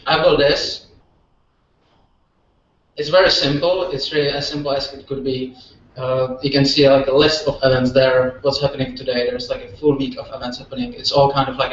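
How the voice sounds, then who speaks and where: A man's voice: medium pitch, a bit bright, slight background noise. A man from the Czech Republic with a Czech accent, giving an informal, rambling talk at a meetup, full of fillers and restarts. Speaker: meetup speaker. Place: echoey venue room at a meetup. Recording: roomy, distant, dull lo-fi audio.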